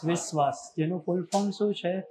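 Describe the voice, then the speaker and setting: A man teaching an exam coaching class, firing quick questions at the students and answering them himself. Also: sits high, mellow, poor audio. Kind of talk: classroom lecture.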